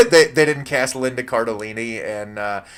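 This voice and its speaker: A man's voice: medium pitch, moderate pace, a bit bright. Easygoing young man chatting films. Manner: easygoing, laughs often. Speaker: podcast co-host. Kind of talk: casual film chat.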